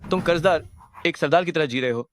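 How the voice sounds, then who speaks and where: A man's voice: on the high side, fast talker, a little hiss or hum, close to an everyday voice. A man dubbing a young hidden war god who poses as a fool, cold and threatening in one moment and childish in the next. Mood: cold, menacing. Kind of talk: Hindi dub of a drama.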